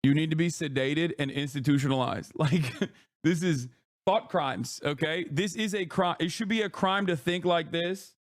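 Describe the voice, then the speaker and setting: A man's voice: a little high, normal speed, dry recording, clean studio sound. A man streaming casual reaction commentary, emphatic and profane, often laughing as he talks.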